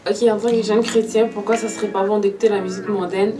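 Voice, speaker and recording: A woman's voice: medium pitch, level tone, fast. A twenty-four-year-old woman giving a reflective, slightly hesitant faith testimony. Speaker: young church member giving testimony. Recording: distant mic with background music.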